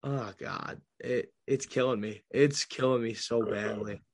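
A young man co-hosting a casual sports podcast, heated and swearing, swinging from low mumbles to loud rants. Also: fairly even intonation, measured pace. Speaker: podcast co-host.

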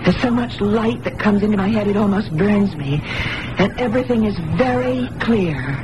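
A woman's voice: mid-range voice, moderate pace, highs cut off, close to an everyday voice. An actress playing an earnest, troubled blind girl in a radio drama. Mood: troubled, intense. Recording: noisy old radio broadcast.

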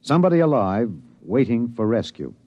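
In a 1950s radio drama, an actor plays a driven, candid radio newsman who also narrates, using a mid-range, sing-song voice at a moderate pace. He tosses off off-the-cuff asides before turning grave and dramatic. The old radio recording sounds dry and dull, with no room sound.

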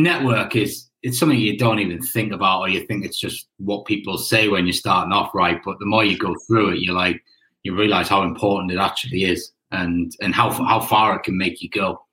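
A man with a low voice and a bright, forceful edge, hosting a relaxed interview. He tends to repeat words while he gathers his thoughts. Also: brisk, low-quality recording. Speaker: interview host. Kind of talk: casual interview chat.

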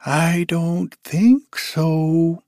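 A man's voice: on the high side, steady tone, very slow, darkish tone, no echo, studio quality, voice pushed up. A man voicing a fussy male rabbit who answers in a prim, curt, snippy way. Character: male rabbit, fussy, pretending not home.

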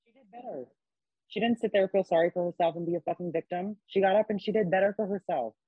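A man's voice: high voice, quick pace, breathy edge, no echo, narrow, tinny audio. A young man hosting a casual podcast chat, talking emphatically and swearing freely. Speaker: podcast host.

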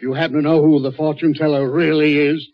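A man acting a jovial major, slightly high voice, gentlemanly, confiding, muffled old radio drama. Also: flat delivery, a little fast, close to an everyday voice. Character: chatty, confiding village major. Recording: dull old radio recording.

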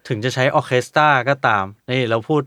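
A man's voice: medium pitch, quick pace, clear, resonant tone, no echo. Brief: easygoing male guest, medium voice, dry close recording. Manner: relaxed, explains with anecdotes. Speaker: musician guest. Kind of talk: casual conversation.

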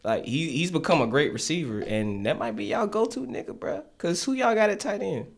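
Lively, laughing man in sports banter. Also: on the high side, a little fast. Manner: animated, swears a lot, laughs often. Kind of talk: casual sports chat.

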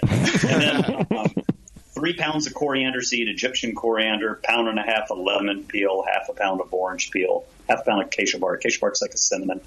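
A man with a lowish voice talks casually about how his distillery works. He tells stories with plenty of asides and sounds enthusiastic about the craft. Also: fairly quick, background noise. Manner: enthusiastic storyteller, explains with asides. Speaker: distillery owner. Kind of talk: casual interview chat.

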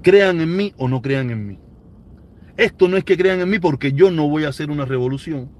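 Cuban guy in his 40s on a live stream, high voice, keeps repeating himself for emphasis. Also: animated, normal speed, a little mellow. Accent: Cuban Spanish. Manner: emphatic, repeats phrases for weight. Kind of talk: casual live-stream talk, reading viewer comments.

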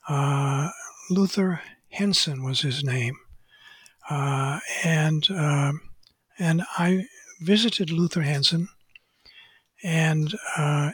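Older man, interview guest, unhurried, husky tone, frequent pauses. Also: fairly high pitch, no room sound. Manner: hesitant, many "uh" pauses, quotes others in a hushed voice. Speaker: author and photographer interviewed as guest. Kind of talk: unscripted storytelling interview.

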